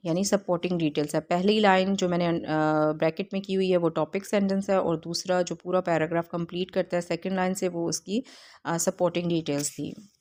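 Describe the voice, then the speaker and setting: Low-voiced woman teaching a textbook lesson. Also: fairly even intonation, darkish tone. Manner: explains step by step, reads English lines slowly, frequent fillers.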